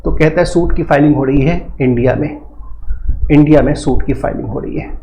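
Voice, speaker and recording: Guy teaching law, reads it out slow then goes over it again, keeps asking questions, some faint noise behind. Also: on the high side, steady tone, mellow, rough recording. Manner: explains slowly, repeating each point and asking the class questions; reads legal text slowly in English, then explains in Hindi. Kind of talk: recorded law lecture.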